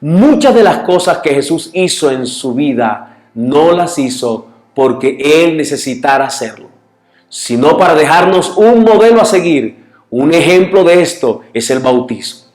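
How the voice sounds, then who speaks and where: A man's voice: on the high side, lively intonation, unhurried, darkish tone. A man teaching a church Bible lesson, reading Scripture passages aloud and asking his listeners questions. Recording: echoey room.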